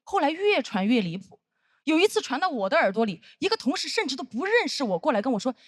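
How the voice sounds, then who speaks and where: A woman in her thirties performs stand-up comedy with a high voice that swings widely in pitch. She tells her stories in a brash, lively way, as a former flight attendant looking back. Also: fast, no room sound, studio quality.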